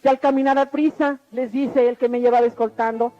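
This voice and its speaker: High-voiced woman giving testimony. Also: fairly even intonation, brisk. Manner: earnest, repetitive storytelling. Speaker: testimony speaker. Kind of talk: personal religious testimony. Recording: dull lo-fi radio recording with faint music.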